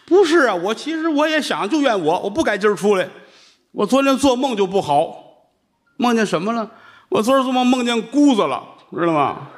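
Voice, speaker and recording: A man playing a foolish, weeping male vegetable peddler who whines and sobs in a high voice. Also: big pitch swings, brisk. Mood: whiny. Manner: whining and sobbing in a high voice.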